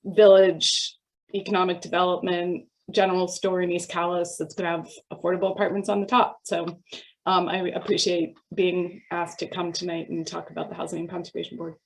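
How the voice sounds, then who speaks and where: Older lady on a video call, lowish voice, earnest and thoughtful, lots of pauses. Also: level tone, creaky, a little hiss or hum, poor audio. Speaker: housing consultant. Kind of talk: online community meeting introduction.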